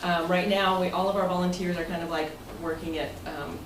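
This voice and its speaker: Heard from a distance in a roomy, noisy recording, a club president presents informally to members in a meeting room. Her voice is on the low side, steady in tone and brisk, and her talk is chatty, rambling and loosely phrased.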